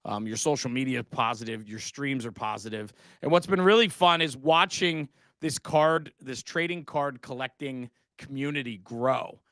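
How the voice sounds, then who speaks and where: A middle-aged fire service podcaster guests on a live stream, talking casually and passionately in a buddy-like way. His mid-range, fairly bright voice comes at normal speed in a dry, studio-quality recording, and he's earnest and emphatic, saying "man" and "bro."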